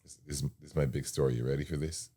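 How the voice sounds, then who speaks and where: A man's voice: a bass voice, fairly even intonation, quick pace, mellow. A man hosting a casual talk show, jovial, steering the guests with questions. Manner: jovial, asks probing questions. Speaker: host.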